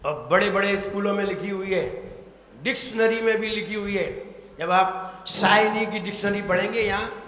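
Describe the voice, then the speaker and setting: High bright-voiced preacher, quizzes folks and spells stuff out, big echoey hall. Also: male voice, moderate pace. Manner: repeats and quizzes listeners, spells words letter by letter. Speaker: Jain monk preacher. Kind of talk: sermon teaching pronunciation. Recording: echoey hall with long reverb.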